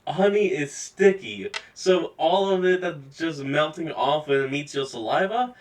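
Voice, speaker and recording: Male challenge sidekick, fairly high voice, casual short reactions, slightly distant pickup. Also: animated, unhurried. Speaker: co-participant in a food challenge.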